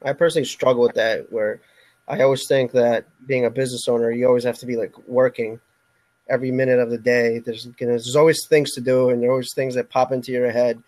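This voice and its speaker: A man's voice: mid-range voice, little pitch movement, fast, darkish tone, no room sound, low-quality recording. A man co-hosting a podcast interview, speaking in a reflective, thoughtful way. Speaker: podcast co-host.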